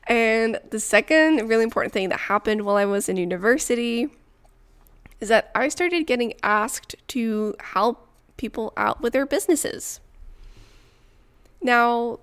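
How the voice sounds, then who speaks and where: A woman from Montreal, Canada, whose first language is French, hosts a solo podcast. Her voice is smooth and mid-range. She comes across as chatty and personal, with light laughs.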